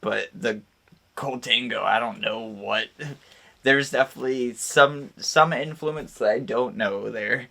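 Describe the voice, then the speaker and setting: A man co-hosting a gaming podcast in casual chat, animated and laughing often. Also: medium pitch, takes it slowly, vocal fry. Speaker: podcast co-host.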